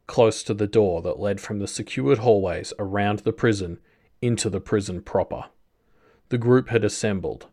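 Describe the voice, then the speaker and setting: A man reading a story aloud as narrator, in a slow, measured way. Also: lowish voice, darkish tone. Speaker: audiobook narrator. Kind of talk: scripted narration.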